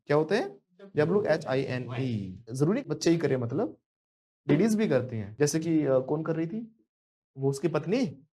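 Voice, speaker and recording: A man from India leads a live English class. His voice sits somewhat high for a man. He teases students by name and keeps them repeating phrases in a lively drill. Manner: playful and joking, calls on students by name, prompts repetition. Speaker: spoken English teacher.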